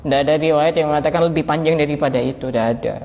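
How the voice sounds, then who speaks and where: A man's voice: on the high side, racing, vocal fry, a little mellow, muffled recording. A man giving a religious study talk, conversational and joking, acting out exchanges with students. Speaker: preacher. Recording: long hall reverb, faint background noise.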